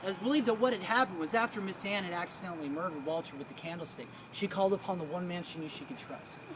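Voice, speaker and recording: A man's voice: high voice, fast talker. A man working as a ghost tour guide, telling stories theatrically to a live group in a colloquial, wry way. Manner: colloquial, wry, acts out dialogue. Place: outdoors on a city street. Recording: outdoor street noise with traffic.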